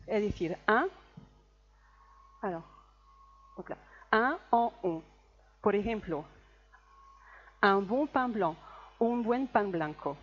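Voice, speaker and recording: A woman's voice: medium pitch, highs cut off. A woman teaching a language class to a live audience, explaining step by step and often checking that the room is following. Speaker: French teacher. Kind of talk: lively classroom talk to an audience.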